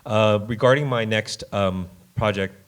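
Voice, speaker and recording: A man, a film director, answering audience questions in a relaxed, chatty way. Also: fairly low pitch, unhurried. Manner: relaxed, chatty, thinks aloud. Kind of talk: casual festival Q&A answers. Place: film festival screening.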